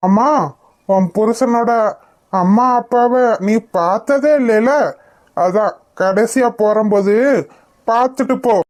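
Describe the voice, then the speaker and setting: A woman's voice: on the high side, slow pace, pauses often, darkish tone. A woman voicing a sly, threatening captor in a cartoon. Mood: menacing. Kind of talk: cartoon voice acting.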